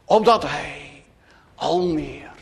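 A man's voice: fairly high pitch, extremely slow, gravelly, in a large hall. A man preaching a sermon to his congregation, solemn, with dramatic rises and falls. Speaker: pastor.

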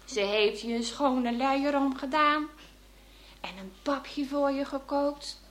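A woman reading aloud voices a gentle, pious middle-aged father speaking tenderly to his daughter in a children's story. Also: sits high, slow.

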